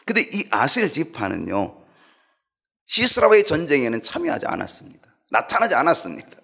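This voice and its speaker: A middle-aged male pastor preaching a sermon in an animated way, asking the congregation questions. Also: a little high, a little fast, gravelly, husky.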